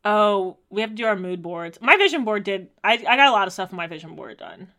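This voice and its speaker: A woman in her twenties co-hosting a podcast, chatting casually with lots of filler words and quick laughs. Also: mid-range voice, very animated, sharp tone. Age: 20s. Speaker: podcast co-host. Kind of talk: casual chat.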